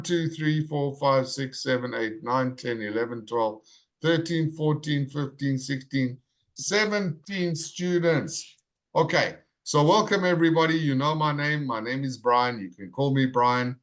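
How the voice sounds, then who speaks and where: Greeting his class over a video call, a male online English teacher pronounces students' names slowly and distinctly. His voice is mid-range.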